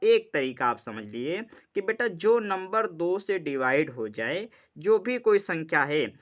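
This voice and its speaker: A male math teacher leads an exam-prep lesson in a drilling, repetitive way, calling his students "beta" and answering his own questions. His voice sits high and sounds bright and forceful. The recording is dull and lo-fi. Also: big pitch swings, a little slow.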